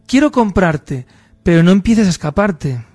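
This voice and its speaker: A man's voice: sits high, very animated, moderate pace, a little mellow, slightly rough, faint music behind, exaggerated voice. A man reading the part of a pompous, wealthy philosopher who questions impatiently and condescendingly. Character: pompous wealthy male philosopher, self-important.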